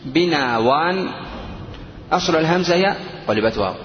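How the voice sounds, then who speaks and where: A man teaching a grammar lesson, explaining slowly and asking his students questions as he goes. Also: mid-range voice. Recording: echoey dull room with faint noise.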